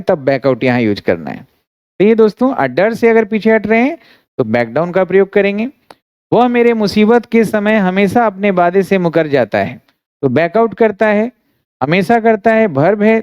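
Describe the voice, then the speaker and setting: High-voiced Indian male grammar teacher. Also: a little mellow, clean tone, dry recording, dull audio. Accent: Indian English. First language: Hindi. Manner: slow, deliberate dictation of example sentences. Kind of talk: classroom lesson explaining phrasal verbs.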